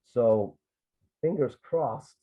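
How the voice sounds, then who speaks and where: Speaking extremely slowly in a medium-pitched, slightly rough voice, a Scottish tour guide and photographer from Edinburgh shares casual stories over a video call. He rambles, with frequent restarts and asides, and the audio comes through tinny and phone-like.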